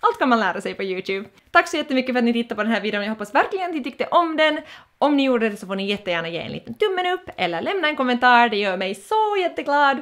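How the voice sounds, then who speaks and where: Woman vlogger, 20s, Finland Swedish accent, playful and chatty, lively swooping pitch, voice on the high side. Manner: playful, drops in English phrases. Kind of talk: casual vlog explaining words.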